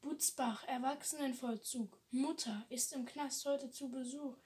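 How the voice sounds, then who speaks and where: A woman's voice: high voice, steady tone, a little slow, darkish tone. A teenage girl chatting casually into a phone on a tripod, using crude teasing slang, giggling and sometimes dropping into whispers. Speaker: vlogger. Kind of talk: casual chat.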